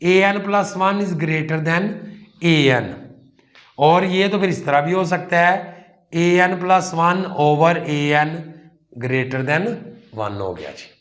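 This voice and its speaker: A man teaching a math lesson, slowly asking and answering his own questions and calling his students "children". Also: on the high side, lively intonation, fairly bright tone. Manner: slow, explains step by step, asks and answers his own questions; calls students "children" and "son". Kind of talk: whiteboard lecture.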